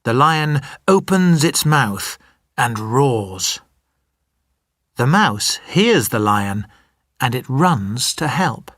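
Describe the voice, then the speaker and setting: A man narrating a children's storybook in a slow, clearly paced reading. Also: mid-range voice, sing-song, fairly bright tone, no room sound. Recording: dry studio audio.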